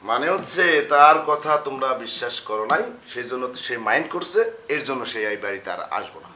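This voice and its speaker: A man's voice: medium pitch, animated, quick pace, sharp tone, roomy sound, a little hiss or hum. A young actor playing a lovesick son pleading with his mother in a comedy TV drama. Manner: pleading, defensive.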